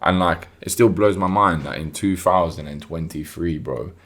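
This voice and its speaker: A man's voice: deep voice, moderate pace, fairly bright tone. A young man with a London accent, chatting casually in an informal, slangy, emphatic way. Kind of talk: casual chat.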